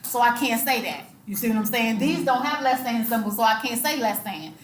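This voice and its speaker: A woman's voice: fairly high pitch, brisk. A woman lecturing a college math class, talking in a colloquial, emphatic way and repeating her key points. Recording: echoey classroom, faint room noise.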